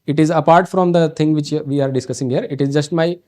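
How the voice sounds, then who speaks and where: A man from North India with a North Indian English accent, giving an exam coaching lecture in a halting way, with many fillers and restarts. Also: fairly high pitch, steady tone, warm tone. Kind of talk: online exam prep lecture.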